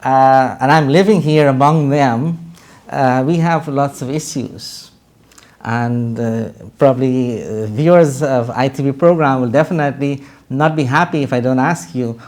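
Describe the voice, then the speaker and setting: Male studio host; formal, hesitant questioning at a mid-range pitch. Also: a little slow, darkish tone. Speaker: TV interview host. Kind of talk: formal interview hosting.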